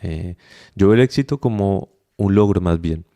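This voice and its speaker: A young adult migrant with a Colombian Spanish accent is interviewed conversationally on a podcast. His low voice is dark and mellow with a gravelly edge, and he reflects unhurriedly, thinking aloud with fillers and restarts.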